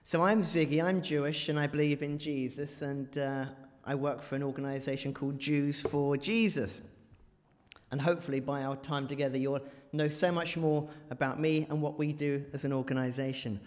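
A man's voice: a little high, little pitch movement, normal speed. A man giving a chatty, joking talk to a church congregation and quizzing the audience as he speaks. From England. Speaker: guest preacher. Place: large church. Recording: reverberant church hall.

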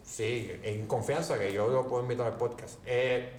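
A man's voice: medium pitch, normal speed, recorded from a distance. Man, puerto rican accent, podcast host, casual storytelling, echoey room. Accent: Puerto Rican Spanish. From Puerto Rico. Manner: animated storytelling, acts out quotes in raised voice. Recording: echoey room, faint background noise.

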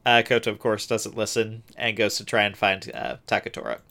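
A man's voice: on the low side, little pitch movement, fairly quick, gravelly, bright, forceful tone. A man co-hosting a casual chat, giving wry, sarcastic summaries of a TV episode with many filler words. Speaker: podcast co-host.

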